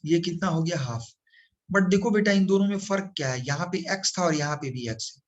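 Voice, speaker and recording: A man's voice: a little high, lively intonation, fairly quick, highs cut off. Man teaching maths, quizzing students. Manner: asks students questions and answers them himself; calls the listener "beta", coaxing. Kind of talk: blackboard maths lesson.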